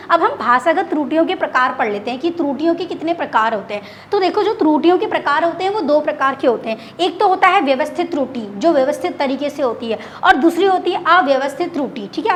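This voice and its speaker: A woman's voice: sits high, expressive, fast talker, few pauses, slight background noise. A woman teacher giving an online exam-prep lecture, explaining in simple terms, repeating key words and answering her own questions.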